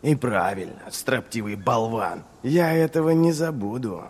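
A man's voice: medium pitch, a little slow, darkish tone, big-room sound, natural voice. A man reading an audiobook, voicing a bitter, sarcastic crippled middle-aged inquisitor who snarls through his pain. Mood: sardonic.

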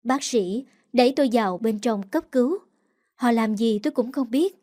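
A woman's voice: on the high side, moderate pace, warm tone. A woman narrating a dramatic first-person story aloud, reading with emotion.

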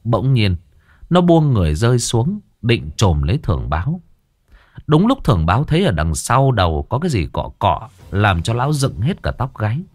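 A man narrating a horror story in a lively, dramatic way. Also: on the low side, moderate pace, dry recording, clean studio sound.

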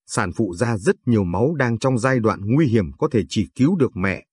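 Guy reading as a brisk nurse, urgent and matter-of-fact, husky. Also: mid-range voice, animated, no room sound, studio quality.

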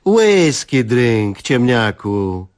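A man's voice: fairly high pitch, expressive, normal speed, pitched above the performer's own voice, lightly acted. A man voicing a bossy middle-aged village wife who scolds her husband with an air of superiority. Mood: scolding.

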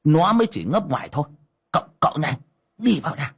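A man's voice: a little high, expressive, slow, creaky, pushed and bright, husky, voice pushed up, heavily acted. A man voicing a panicky older village man who whines and chatters. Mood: fussing. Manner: whiny, chattering.

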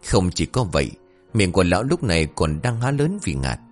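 Animated low-voiced male storyteller. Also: fairly quick, faint music behind. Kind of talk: comic folk-tale narration.

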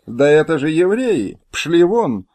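A man's voice: fairly high pitch, very animated, slow, darkish tone, no echo, voice pushed up, exaggerated voice. A man voicing an elderly male nobleman who is quarrelsome, scornful and snappish. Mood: irritable.

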